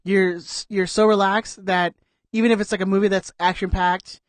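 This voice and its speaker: A man's voice: high-pitched, flat delivery, moderate pace, no room sound. A man co-hosting a podcast in casual chat, rambling with lots of "like" and "dude". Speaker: podcast co-host.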